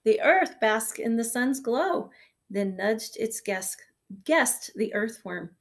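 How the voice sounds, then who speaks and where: A woman kindergarten teacher reading a picture book aloud to her class, gentle and expressive, sometimes dropping to a soft whisper. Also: fairly high pitch, takes it slowly. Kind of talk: storybook read-aloud for children.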